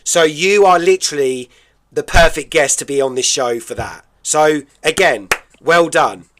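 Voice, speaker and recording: A British man hosting a radio movie-music show, talking with eager, chatty enthusiasm and frequent laughter. His voice sits a little high for a man. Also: measured pace, a bit bright. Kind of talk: radio interview chat.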